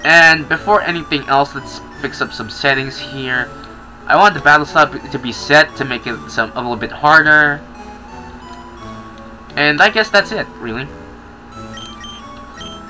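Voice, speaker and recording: An excitable young man talking through a game he is playing. His voice is bright and lively, jumping around in pitch as he reacts. Soft music plays in the background. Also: normal speed, pauses often, low-quality recording. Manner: excitable, chatty. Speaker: gaming channel host. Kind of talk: casual let's-play commentary.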